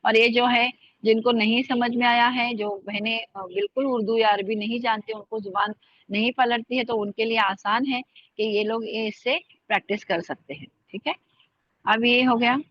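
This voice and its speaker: A woman teaching an online language class, slowly repeating words and sounds for her students. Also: fairly high pitch, dry recording. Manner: slow careful drilling of sounds, repeating words. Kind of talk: spoken language lesson. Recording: dull lo-fi sound.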